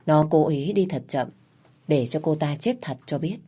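A woman reading a story aloud with a deep, low voice. Her telling is steady and measured, moving through the plot at an even pace. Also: husky. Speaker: narrator. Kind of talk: story narration.

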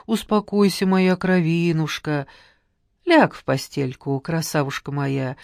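Reader putting on a sweet old nanny, slow and cooing, crossing herself, dry close sound. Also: medium pitch, gravelly, a little mellow, dry recording. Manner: slow, soothing, folksy endearments. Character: tender old peasant nanny, pious and fussing. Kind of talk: audiobook character reading.

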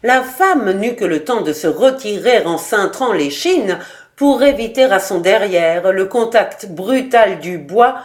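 A woman reads a literary short story aloud as narrator. She speaks slowly and deliberately, with measured, expressive storytelling. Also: mid-range voice.

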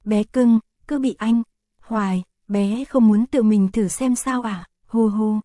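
A woman's voice: on the high side, slow pace, mellow, no room sound, studio quality. A woman voicing an adult man who teases and coaxes his partner in an audio story. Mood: teasing. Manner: teasing, coaxing. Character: adult man, teasing and coaxing.

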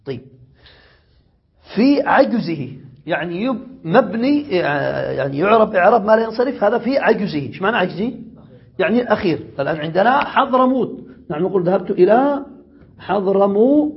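Yemeni guy teaching grammar, high raspy voice, keeps checking if students get it, muffled old recording. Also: expressive, normal speed, long pauses. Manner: asks checking questions, repeats examples. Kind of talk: classroom grammar lesson.

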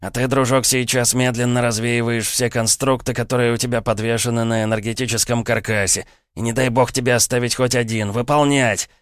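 A man's voice: mid-range voice, little pitch movement, fairly quick, hardly any pauses, clean tone, no echo, clean studio sound, pitched above the performer's own voice, lightly acted. A man voicing a vicious, jumpy armed bandit who snarls and barks orders in a storybook reading. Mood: barking.

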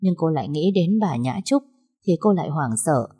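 A woman narrating a story in a calm, measured reading voice. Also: sits low, breathy edge.

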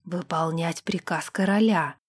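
A woman voicing a stubborn young man who answers quietly and gruffly in an audiobook. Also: a little slow. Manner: low, restrained, gruff. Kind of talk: audiobook character voice.

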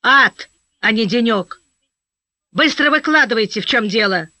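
A woman reading an audiobook, voicing a burly, gruff male army officer who barks and then talks bluntly and kindly. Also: fairly high pitch, animated, measured pace, no room sound. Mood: gruff irritation. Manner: barks, then softens into blunt fatherly talk. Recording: dry, slightly dull audio.

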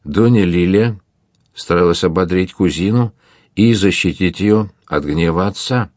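A man reading an adventure audiobook in a measured, even way. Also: deep voice, dry recording, studio quality. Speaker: audiobook narrator. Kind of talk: audiobook narration.

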